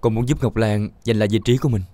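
A man's voice: fairly low pitch, fairly even intonation, quick pace, dark tone, no echo, close to an everyday voice. An actor playing a grown son who firmly asks his father for company shares.

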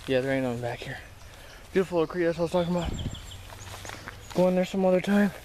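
A man with a slightly high, a little mellow voice talks fast and off the cuff as host of an amateur snake-catching vlog. Informal and exclamatory, he swears freely and addresses his viewers by a creek in weedy woods, his handheld camera picking up faint outdoor noise.

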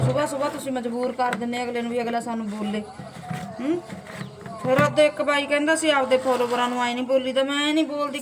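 Indignant high-voiced Punjabi woman vlogger. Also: noisy background. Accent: Malwai Punjabi. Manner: indignant, scolding, rhetorical. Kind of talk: casual talk to camera. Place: home.

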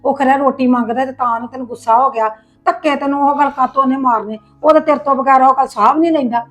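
A middle-aged woman playing a patient mother-in-law who gently advises and reassures in a family drama. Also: high voice, fairly even intonation, fast talker, soft background music, close to an everyday voice. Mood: soothing. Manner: coaxing, reassuring, lecturing softly. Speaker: actor in a family web drama. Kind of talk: acted family drama dialogue.

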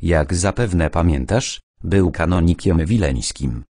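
A calm, dryly humorous older gentleman with a stuffy cold, voiced by a male audiobook narrator. His voice is deep and husky, close and dry with no room sound. He talks in an unhurried way. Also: dry recording, heavily acted.

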